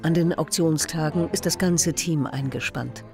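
A woman's voice: sits low, normal speed, gravelly, over music. A woman reading scripted narration for a television documentary report.

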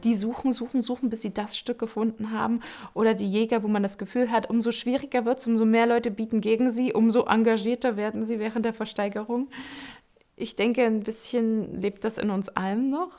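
Higher-voiced woman explaining in an interview. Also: steady tone, fairly quick, mellow. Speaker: auctioneer being interviewed.

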